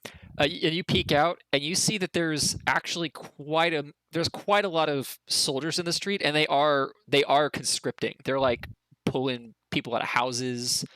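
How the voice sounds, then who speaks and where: A man narrating a tabletop game as game master, in an informal, slangy, halting way. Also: a little high, a bit bright, no echo, poor audio.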